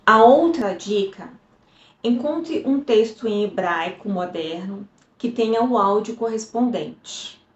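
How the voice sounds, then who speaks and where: A woman's voice: medium pitch, lively intonation, takes it slowly, highs cut off, slight background noise. Woman teacher, chatty and explanatory, echoey room. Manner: chatty, explanatory, frequent "tá?" check-ins. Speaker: Hebrew teacher. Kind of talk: casual teaching video.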